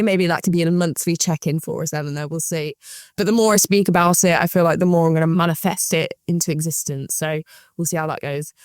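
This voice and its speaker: A woman's voice: lowish voice, no echo, clean studio sound. Upbeat woman podcast co-host. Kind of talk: casual podcast chat.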